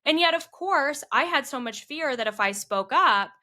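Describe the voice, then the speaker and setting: Bright-voiced young woman telling her story. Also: high-pitched, animated, moderate pace. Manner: conversational, with frequent fillers like "like" and "you know". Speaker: spiritual coach and vlogger. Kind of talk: candid personal storytelling.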